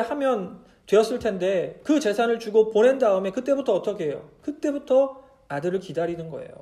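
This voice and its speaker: A man's voice: very high-pitched, mellow. A male pastor preaching a midweek church sermon, asking the congregation many rhetorical questions. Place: church service.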